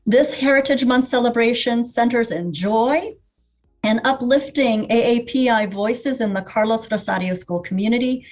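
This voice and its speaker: A woman on a school's staff giving a prepared welcoming speech in an earnest, measured way. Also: fairly high pitch, darkish tone, faint music behind. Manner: earnest, measured, listing values one by one.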